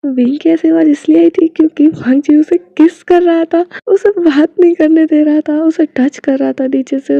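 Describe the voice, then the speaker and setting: A woman reading out a romance story in steady narration. Her voice is high with a gravelly grain. The recording is close and dry with dull, lo-fi sound. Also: no room sound. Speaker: storyteller reading fan fiction.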